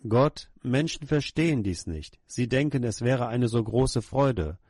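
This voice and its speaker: A man's voice: medium pitch, expressive, measured pace, darkish tone, no echo, studio quality. A middle-aged male pastor praying aloud to his congregation in an earnest, humble, pleading way. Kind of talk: sermon prayer.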